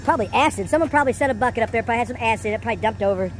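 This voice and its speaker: Chatty trucker man, high voice. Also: rapid-fire, soft background music, poor audio. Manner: chatty, talks to himself while inspecting. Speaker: truck driver vlogger. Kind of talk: casual vlog commentary. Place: outdoors at a truck yard, then inside a truck cab. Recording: outdoor vehicle noise behind.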